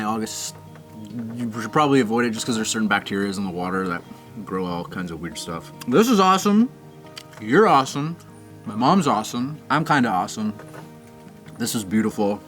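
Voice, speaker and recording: A man's voice: on the low side, a bit bright. A man from Canada hosting a casual outdoor cooking vlog, upbeat and full of slang. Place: outdoors on a beach.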